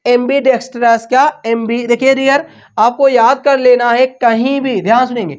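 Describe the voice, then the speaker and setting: A woman with a slightly high voice runs an exam-prep English vocabulary lesson. She drills each word by call and response, asking again and again and then answering herself. She moves freely between Hindi and English. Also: steady tone, unhurried. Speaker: English teacher.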